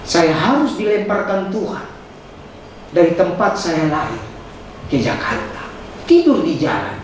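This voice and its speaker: A male pastor delivers a sermon with emphatic, theatrical swings, leaping into high, dramatic outbursts. His voice comes from well back from the microphone. It rings through a very echoey hall over a faint hiss. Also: very animated. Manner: emphatic preaching with sudden high dramatic outbursts and rapid asides. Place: church hall. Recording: echoey hall, distant mic, faint noise.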